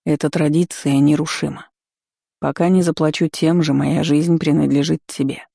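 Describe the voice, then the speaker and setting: A woman's voice: low voice, steady tone, normal speed, gravelly, mellow, husky, dry recording, clean studio sound, heavily acted. A woman voicing a proud, commanding male dragon lord who speaks curtly and firmly. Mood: insistent. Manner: curt, commanding, unyielding.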